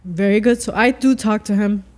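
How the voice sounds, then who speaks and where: A woman's voice: mid-range voice, moderate pace, darkish tone. A young woman, a podcast guest, telling a personal faith story in casual chat, rambling with lots of "like" fillers. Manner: rambling, full of "like" fillers and acted-out quotes.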